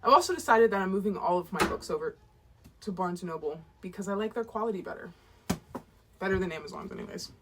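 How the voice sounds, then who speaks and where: A woman's voice: mid-range voice, expressive, quick pace, background noise. A woman in her twenties, an author rambling casually to camera in a chatty, self-deprecating way. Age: 20s. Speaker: author and vlogger.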